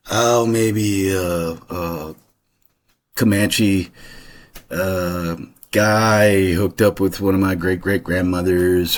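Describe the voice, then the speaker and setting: A middle-aged man talking casually about his family history in a rambling way, with lots of fillers and restarts. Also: low-pitched. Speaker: channel host. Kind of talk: casual personal monologue.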